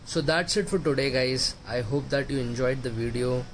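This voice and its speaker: Excited male vlogger voice-over. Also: mid-range voice, normal speed, a little hiss or hum. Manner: excited, emphatic. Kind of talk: enthusiastic vlog voice-over.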